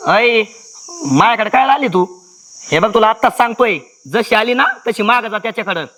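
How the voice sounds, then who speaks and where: A callous young village lover. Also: male voice, high voice, moderate pace, fairly bright tone. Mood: dismissive. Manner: dismissive, mocking.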